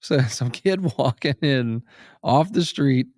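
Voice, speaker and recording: A man's voice: medium pitch, lively intonation, slow pace, a little mellow, no room sound, clean studio sound. A man hosting a podcast interview, explaining context for listeners and laughing along. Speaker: podcast host. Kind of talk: casual interview chat.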